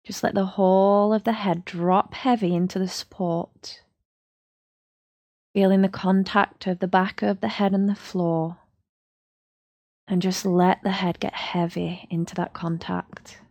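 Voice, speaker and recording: A woman, a yoga teacher leading a slow, soothing guided body-scan relaxation. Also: mid-range voice, level tone, a little mellow, no echo.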